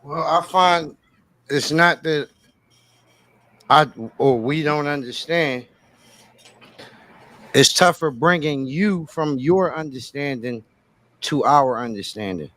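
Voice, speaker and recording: A man answering in casual live talk-show chat with calm, measured, reflective points. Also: a little high. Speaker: co-host.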